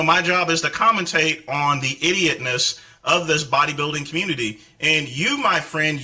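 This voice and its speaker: A man from North Carolina rants straight at the camera in a combative, scolding voice. His tone is piercingly bright and sits a little high for a man. He keeps tacking a stray "there" onto his sentences. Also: low-quality recording. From North Carolina, USA. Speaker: online commentator. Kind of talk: angry direct-to-camera rant.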